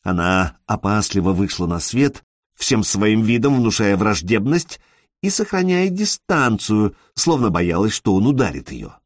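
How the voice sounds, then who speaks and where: A man narrating a literary audiobook, measured and expressive with dramatic pauses. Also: on the low side, no echo, clean studio sound.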